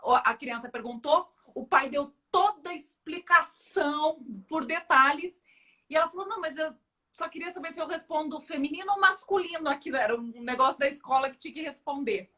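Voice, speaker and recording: A woman with a Brazilian Portuguese accent hosting a casual live talk and telling a story in a relaxed, conversational way. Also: high voice, fairly quick. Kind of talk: casual chat.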